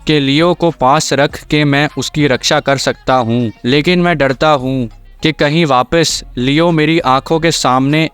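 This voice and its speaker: Brooding young male hunter, read by the narrator, quiet and guarded, clean voice over soft music. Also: on the high side, a little slow, clean tone.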